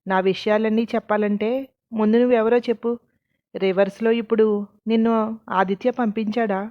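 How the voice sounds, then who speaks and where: A woman's voice: mid-range voice, little pitch movement, a little fast, no echo, lo-fi sound, natural voice. A woman voicing a wary, defensive young college student in a storybook reading, with a suspicious, questioning manner.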